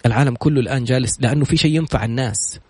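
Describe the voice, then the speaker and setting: A man with a Saudi accent telling stories in a motivational talk, retelling what others said with quick, animated delivery. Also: mid-range voice, slightly rough, no echo. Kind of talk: motivational storytelling monologue.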